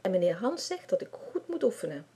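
A woman's voice: medium pitch, sing-song, fast talker, warm tone, husky. A woman voicing a determined young girl who speaks firmly.

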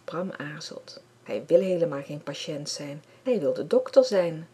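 Woman, children's story reader, calm, mellow dark tone. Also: deep voice, a little slow, breathy edge. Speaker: audiobook reader. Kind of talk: children's story read aloud.

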